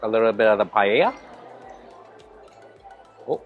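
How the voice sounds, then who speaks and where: A man's voice: fairly low pitch, animated, a little slow, narrow, tinny audio, soft background music. A man in his thirties, a food vlogger, chatting enthusiastically as he walks a big indoor hotel buffet and eats, filmed on a handheld camera at arm's length. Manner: enthusiastic, narrates each dish as he eats. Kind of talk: casual food vlog narration.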